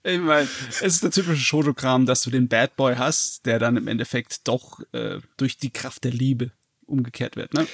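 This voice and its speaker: A man's voice: mid-range voice, moderate pace, creaky, husky, dry recording, studio quality. A man co-hosting a podcast, commenting casually on the stories. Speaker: podcast co-host. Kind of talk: casual chat.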